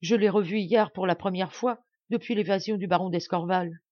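A dying young woman, poisoned yet unbending, giving terse, strained answers, as a woman reader voices her. Her voice sits a little lower than the narration and sounds slightly distant. The storybook recording is dry and muffled. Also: steady tone, normal speed, no echo, lightly acted. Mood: weak defiance.

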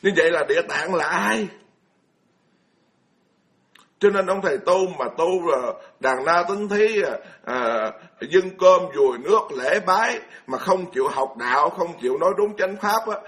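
A man's voice: a little high, fairly bright tone. A man, giving a blunt, colloquial Buddhist sermon full of scolding rhetorical questions. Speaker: Buddhist monk lecturer.

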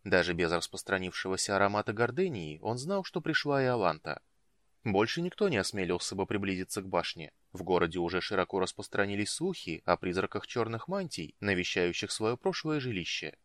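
Expressive male audiobook narrator. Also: sits low, a little fast, no room sound. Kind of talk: scripted narration.

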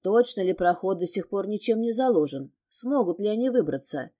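A woman reads a novel aloud in a measured, steady storytelling voice. Her tone is mellow and soft, at an ordinary middle pitch for a woman. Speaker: audiobook narrator. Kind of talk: scripted audiobook narration.

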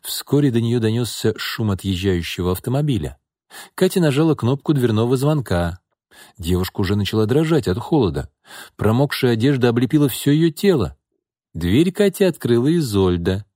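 A man with a mid-range voice narrates an audiobook at normal speed, telling the scripted story expressively. The recording is dry and clean, with studio quality.

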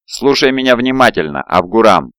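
Cold calm warlord giving orders, low and clean, read by a man, dry recording, audiobook. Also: moderate pace, clear, resonant tone, no room sound. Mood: cold command. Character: cold commanding male warrior lord, calm and strategic.

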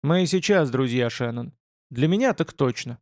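A man's voice: mid-range voice, lively intonation, moderate pace, darkish tone, dry recording, studio quality, lightly acted. A man doing a flustered literary agent. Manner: pleading, bewildered. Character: flustered middle-aged male literary agent.

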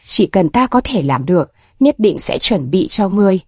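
A comic Taoist man blusters and whines in a husky, mellow voice, as a woman narrator plays him. The storybook read is recorded dry and close. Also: medium pitch, very animated, normal speed, no echo. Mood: whiny, blustering.

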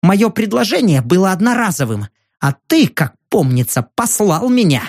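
A man voicing a panicky, cowardly fat journalist in an audiobook, stammering and squealing in a high, strained voice. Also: very animated, normal speed, dry recording, clean studio sound, full character voice. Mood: angry. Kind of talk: audiobook narration.

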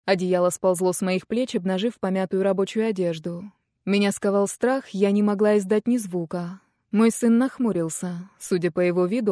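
A woman reading a first-person novel aloud in a quiet, measured, intimate way. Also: medium pitch, no echo, clean studio sound. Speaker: audiobook narrator. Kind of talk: first-person audiobook narration.

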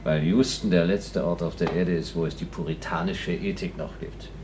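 Man as wry astronaut, very low voice, dry pedantic delivery, radio play, clearly noisy background. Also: steady tone, moderate pace, natural voice. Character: matter-of-fact male astronaut, wryly pedantic.

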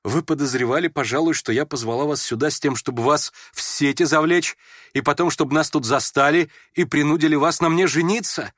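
A man's voice: a little high, fairly quick, no echo, studio quality, pitched above the performer's own voice. A man reading an audiobook, voicing a proud, impulsive young woman who flares up and then turns shy. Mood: indignant. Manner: sharp, flustered, switching between scorn and shyness.

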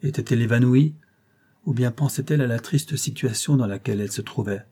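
Male audiobook narrator, mid-pitched, husky and mellow timbre; measured classic-novel reading.

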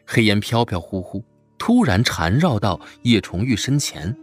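Lively male fantasy-novel narrator. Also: lowish voice, unhurried, soft background music. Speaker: audiobook narrator.

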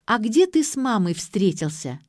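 A woman's voice: medium pitch, very animated, normal speed, a little mellow, dry recording, pitched above the performer's own voice, natural voice. A pushy, sarcastic young daughter fires off questions, as a woman narrator voices her. The voice is lifted above the reader's own and recorded close and dry. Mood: brisk. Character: sharp-tongued young adult daughter.

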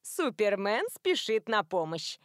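A woman's voice: big pitch swings, slow pace, no echo, clean studio sound. A woman voicing a cheerful, giggly, drunk young woman in an audiobook story. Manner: high, laughing, bubbly.

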